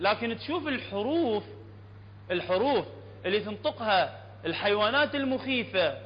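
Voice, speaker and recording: A man with an Iraqi Arabic accent teaching Quran recitation, explaining letter sounds and often asking if it is clear. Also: high voice. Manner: explanatory, checks understanding often, demonstrates sounds slowly. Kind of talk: classroom lesson on tajweed. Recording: dull lo-fi recording with long hall reverb and faint hum.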